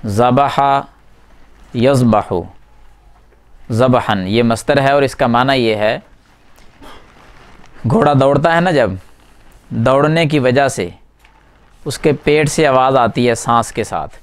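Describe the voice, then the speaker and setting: A man's voice: medium pitch, long pauses, smooth. A man teaching a class at a whiteboard, explaining a verse word by word, putting questions to the students and answering them himself. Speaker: Quran teacher.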